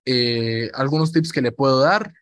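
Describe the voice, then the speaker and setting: A man's voice: mid-range voice, unhurried, fairly bright tone, no echo. A man gives an informal lesson on radio presenting, chatty, repeating himself and acting out example voices.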